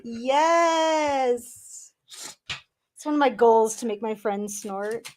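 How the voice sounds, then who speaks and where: A woman's voice: a little high, lively intonation, drawn-out words, a little hiss or hum. A woman co-hosting a live-stream tarot reading, giggly and eager, with supportive interjections. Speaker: tarot reader, stream co-host.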